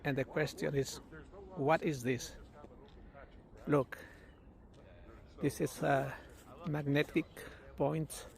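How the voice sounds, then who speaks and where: A man who is not a native English speaker, narrating a casual video in careful, halting English with short phrases. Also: a little high, little pitch movement, vocal fry, darkish tone. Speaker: amateur filmer narrating a find.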